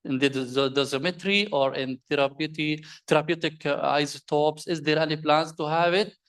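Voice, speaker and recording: Audience questioner: man, earnest, emphatic, slightly high-pitched. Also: steady tone, normal speed, a bit bright. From Jordan. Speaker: audience member asking a question. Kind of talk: question from the floor at a conference. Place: conference hall.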